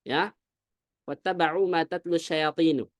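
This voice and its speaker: A male Quran recitation teacher giving a tajwid lesson to a congregation, demonstrating Arabic sounds slowly and often asking if it is clear. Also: on the high side, steady tone, no room sound, clean studio sound.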